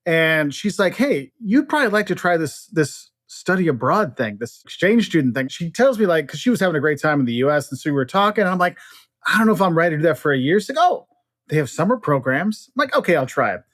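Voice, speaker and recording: A fairly high-pitched, fast-talking American man, middle-aged and from Illinois, is a travel expert guest on a casual interview. His anecdotes are animated, with bits of dialogue acted out, and the clean studio recording has no room sound.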